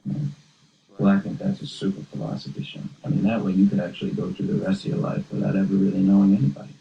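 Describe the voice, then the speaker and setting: A man's voice: deep voice, completely flat delivery, fast talker, vocal fry, a little hiss or hum. An actor playing a sarcastic, swearing young man in therapy, with a Boston accent. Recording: dull, roomy film soundtrack.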